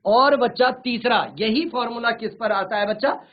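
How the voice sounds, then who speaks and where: A man teaching physics in a virtual classroom lecture, repeating phrases slowly and often addressing the students as children, mixing English terms into his explanations. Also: very high-pitched. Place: studio classroom. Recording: tinny phone-like sound.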